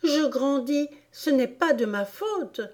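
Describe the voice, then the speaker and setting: A woman's voice: high-pitched, expressive, takes it slowly, a little mellow, pitched above the performer's own voice. A woman voicing a curious young girl in a storybook, speaking with a raised, protesting tone. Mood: indignant.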